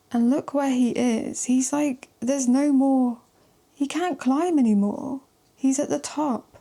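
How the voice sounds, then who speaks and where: Slow-talking woman reading tarot. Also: fairly high pitch. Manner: chatty and emphatic, casual swearing, slips into soft whispers. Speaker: tarot reader. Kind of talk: casual tarot love reading to camera.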